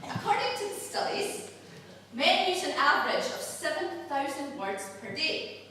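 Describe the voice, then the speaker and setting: A woman's voice: high voice, big pitch swings, normal speed. A woman with a Scottish accent giving a humorous after-dinner speech with some recited verse. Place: large hall, speaking to an audience. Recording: echoey hall from far off, noisy.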